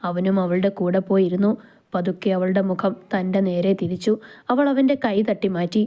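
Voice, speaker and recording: A woman storyteller reads a romance aloud, her voice soft and mellow with a dark, rounded tone. She keeps an even, unhurried pace through the narration. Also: mid-range voice.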